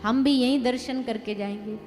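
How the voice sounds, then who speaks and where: A woman's voice: on the high side, fairly even intonation, normal speed, darkish tone, natural voice. A woman voicing a stubborn male ascetic god with a Braj accent, speaking in an insistent, obstinate way. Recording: long hall reverb, faint music.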